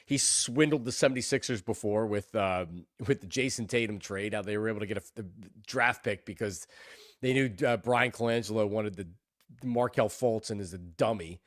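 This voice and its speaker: A man hosting a sports talk show, excitable and rambling, often repeating his words. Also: fairly low pitch, normal speed, dry recording, clean studio sound.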